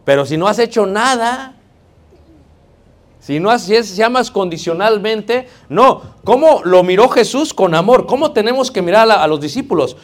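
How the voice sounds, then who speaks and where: High-voiced Mexican man preaching. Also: expressive, moderate pace. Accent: Mexican Spanish. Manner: conversational, joking, keeps addressing the congregation as brothers. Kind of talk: sermon.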